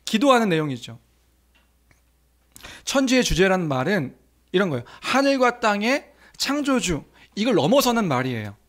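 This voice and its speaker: A man's voice: sits high, very animated, moderate pace, fairly bright tone. A man preaching a sermon as pastor, asking the congregation questions and acting out quoted blessings with rising force.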